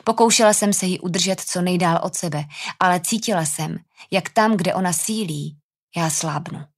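A woman narrating a first-person fantasy audiobook with a tense, dramatic delivery. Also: lowish voice.

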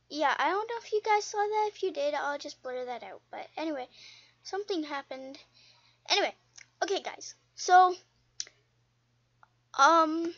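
A young woman chatting casually while playing an online game, rambling and quick to get indignant. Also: high voice, a bit bright, no echo, highs cut off. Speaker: game video host. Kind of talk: casual gameplay commentary.

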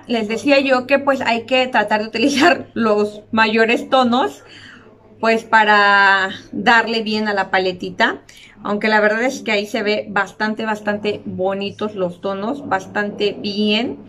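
A woman's voice: mid-range voice, fairly bright tone. A young woman, chatting through a makeup tutorial and gushing over the colors to her viewers. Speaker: beauty vlogger.

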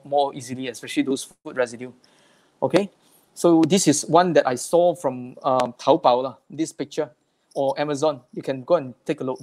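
Slightly high-voiced male speech therapist. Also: darkish tone. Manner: plain explanatory, often repeating words. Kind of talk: slide-based health talk.

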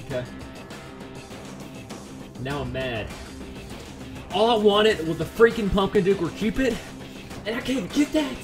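A man commentating his own game play as a YouTuber, excitable, pleading and quickly exasperated over his luck. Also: high voice, music in the background. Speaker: gaming YouTuber.

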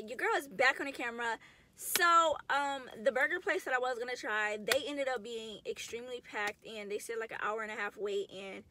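In her mid twenties, a woman vlogs from inside a car, talking to the camera in a chatty, slangy, emotional way. Her voice sits fairly high and sounds bright and forceful.

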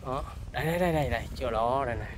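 A vlogger with a Southern Vietnamese accent chats casually with viewers while filming outdoors in the countryside near buffalo and water, repeatedly calling them folks. His medium-pitched voice comes rapid-fire over a noisy background.

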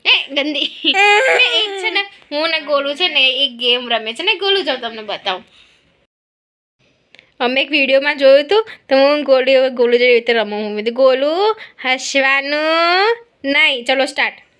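A young mother from Gujarat chats casually at home for her family vlog. Her voice sits high and sounds bright and forward. She teases and coaxes her child in a playful sing-song. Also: animated, brisk. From Gujarat, India.

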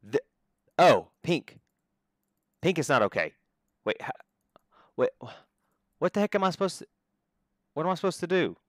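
A man's voice: fairly high pitch, normal speed, long pauses, no room sound, studio quality. A young man livestreaming, chatting jokily through gameplay commentary and laughing often. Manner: excitable, laughs often, jokey.

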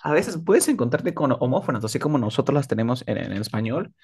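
Male tutor, video-call lesson, patient, drills each word slowly and repeats it. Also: mid-range voice, sing-song, darkish tone, breathy edge. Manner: patient, repeats words slowly to model pronunciation. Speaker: English tutor. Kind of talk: one-on-one online English lesson.

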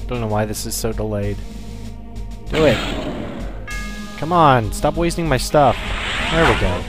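Guy doing a casual lets play, wry and explainy, normal pitch, music really loud behind him. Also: expressive, a little slow. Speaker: let's play host. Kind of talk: casual video game commentary. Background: loud game music.

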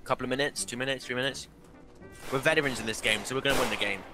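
A man's voice: medium pitch, racing, pushed and bright, faint music behind. Brash teasing man on game voice chat. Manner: brash, teasing, mock-posh. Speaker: player in voice chat. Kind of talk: in-character banter over game voice chat.

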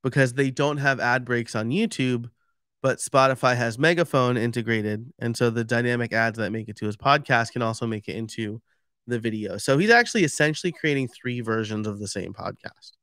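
New york guy explaining stuff on a livestream, lots of ums, smooth voice, dry close sound. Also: medium pitch, a little fast, a bit bright, no room sound. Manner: chatty and explanatory, with many fillers. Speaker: podcast expert giving a live stream talk. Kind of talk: casual livestream presentation.

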